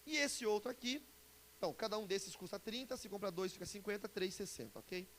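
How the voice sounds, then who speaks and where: Speaking to a congregation at a church conference, a Brazilian man in his 40s preaches in a chatty, joking style and keeps asking the crowd questions. His high-pitched voice is animated, a bit bright and a little fast, over a live recording with background hiss.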